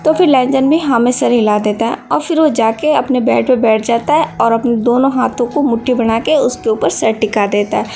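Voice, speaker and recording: A woman reading a fan fiction story aloud in a plain, steady storytelling manner. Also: a little high, moderate pace, gravelly, few pauses, slight background noise.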